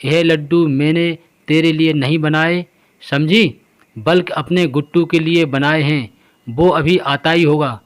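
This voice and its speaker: A man's voice: on the high side, fairly even intonation, unhurried, lightly acted. A man voicing a harsh, scornful middle-aged stepmother in a storybook tale, scolding and sneering. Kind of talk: storybook voice acting.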